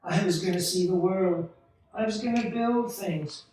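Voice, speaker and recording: Man acting an earnest, high-voiced young man, echoey. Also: a little slow, darkish tone, a little hiss or hum. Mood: dejected. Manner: stammering, folksy, emphatic. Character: earnest, excitable, self-doubting young small-town family man. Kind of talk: 1940s radio play acting. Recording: distant, very echoey stage hall.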